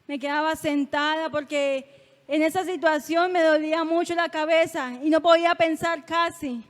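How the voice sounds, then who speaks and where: A young woman with a high, light voice tells her faith testimony in a halting, emotional way, often stumbling and restarting. Her words ring out with the long reverb of a church sanctuary. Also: steady tone. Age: young adult. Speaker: church youth member giving testimony.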